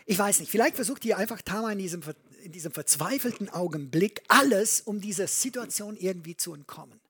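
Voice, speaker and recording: A preacher in the middle of a sermon, reading scripture aloud and commenting on it as the story unfolds. The voice is husky and breathy, with animated, storytelling delivery. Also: mid-range voice, a little fast.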